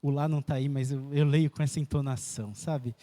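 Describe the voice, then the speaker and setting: A man preaching a church sermon, emphatic and repetitive, with sharp swings in pitch. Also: fairly even intonation, fairly quick. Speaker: pastor. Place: church sanctuary. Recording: echoey church hall.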